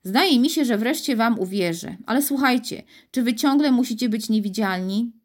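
A woman's voice: on the high side, animated, normal speed. A woman doing a puzzled, fussy mayor. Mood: contrite. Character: flustered, bewildered middle-aged male city mayor.

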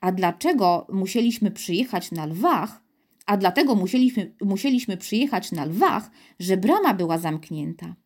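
A woman's voice: medium pitch, lively intonation, normal speed, lightly acted. A woman voicing an earnest, polite young boy in a storybook reading, speaking in a matter-of-fact way.

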